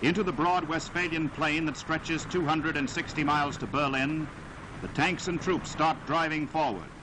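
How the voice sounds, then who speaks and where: Heavy background noise surrounds a fairly high-pitched man narrating a 1940s newsreel against a vintage soundtrack. His tone is dramatic and declamatory, with deliberate, emphatic phrasing.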